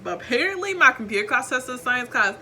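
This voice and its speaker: A woman's voice: high-pitched, sing-song, fast, sharp tone, a little hiss or hum. A teenage girl vlogging about her school credits and grades in a rambling, chatty, self-mocking way. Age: teens. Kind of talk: casual chat. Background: faint background music.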